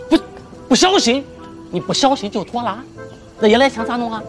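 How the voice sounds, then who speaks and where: A man's voice: on the high side, lively intonation, fast talker, close to an everyday voice. A man playing a grumbling old neighbor. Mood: scolding. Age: older. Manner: scolding, blustering, then placating. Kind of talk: TV drama acting. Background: music.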